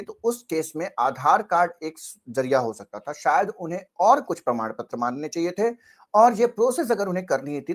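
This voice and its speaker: A man giving spoken political commentary as a news channel host, earnest and questioning, often pausing and restarting his sentences. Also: a little high.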